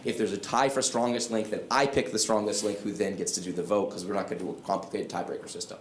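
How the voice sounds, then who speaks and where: A man hosting a live trivia game show on an event stage, upbeat and explaining the rules clearly. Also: fairly low pitch, fairly even intonation, fast, roomy sound, a little hiss or hum.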